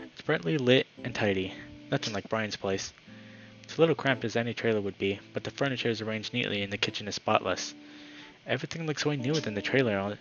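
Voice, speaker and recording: A man with a fairly low voice reads a visual novel aloud, giving the narration a dramatic push. He breaks off now and then for a casual aside to his viewers. Soft music plays faintly behind him. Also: lo-fi sound. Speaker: gaming YouTuber.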